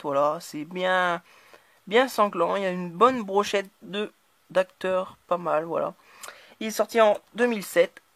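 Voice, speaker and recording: A woman hosting her own channel, talking casually through a haul of new purchases, often hesitating and filling pauses. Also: medium pitch, a bit bright, no room sound. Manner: hesitant, constant filler words. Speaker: channel host. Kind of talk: casual DVD haul talk to camera.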